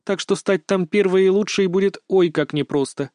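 A man voicing a calm, doting grandmother in an audiobook, soothing and gently lecturing. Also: high voice, moderate pace, no room sound, studio quality, voice pushed up, close to an everyday voice. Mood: explaining. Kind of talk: audiobook character voice.

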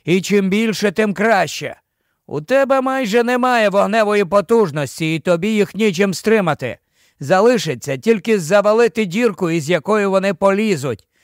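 A composed army captain gives orders to a junior officer in a steady, patient tone that turns gently scolding, voiced by a man reading an audiobook. The voice sits fairly high for a man. The recording is dry, with no room echo. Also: moderate pace. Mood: steady command. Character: calm commanding male army captain, fatherly.

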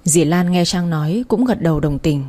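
A woman narrating a first-person story in a steady, earnest way, reading as an audiobook narrator. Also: on the low side, normal speed.

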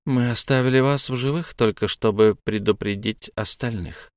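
A man's voice: medium pitch, no room sound, natural voice. A man voicing a cold young female assassin. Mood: cold menacing. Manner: cool, menacing, measured.

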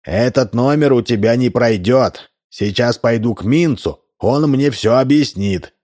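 A man's voice: medium pitch, a little slow, a little mellow, natural voice. A man reading a story aloud voices a stubborn, puzzled ordinary man who argues bluntly and insists on answers. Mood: insistent.

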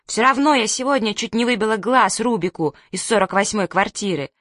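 A woman reading a tough, mischievous little sister who talks bluntly and loudly. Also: mid-range voice, a little fast, dry recording, clean studio sound, lightly acted. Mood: shouting. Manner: blunt, shouting.

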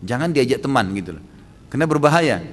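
Fast-talking male preacher in an echoey hall. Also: medium pitch, big pitch swings. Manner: fast, emphatic, rhetorical questions. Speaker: Islamic preacher answering questions. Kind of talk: religious study talk, Q&A.

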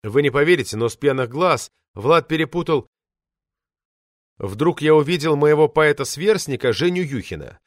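Expressive, ironic male audiobook narrator. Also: on the high side, moderate pace, no echo, clean studio sound. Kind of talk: first-person novel narration.

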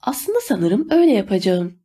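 A woman voicing an armed male robber who gives slow, menacing commands in a storybook reading. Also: mid-range voice, big pitch swings, dark tone, breathy edge.

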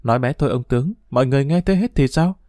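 A man's voice: mid-range voice, rapid-fire, dark tone, dry recording, close to an everyday voice. Man voicing a playful teenage schoolgirl, coy, teasing, dry close recording, storybook reading.

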